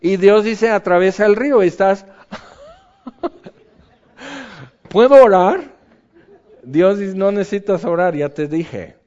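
A man preaching a sermon in an animated way, acting out quotes with sudden high yelps. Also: moderate pace, few pauses, smooth. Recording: dull lo-fi recording.

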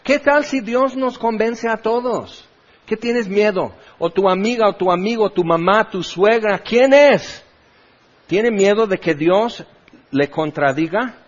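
High-voiced Mexican pastor, fervent sermon. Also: male voice, unhurried. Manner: impassioned, rhetorical questions, repetitive preaching cadence. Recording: dull lo-fi recording.

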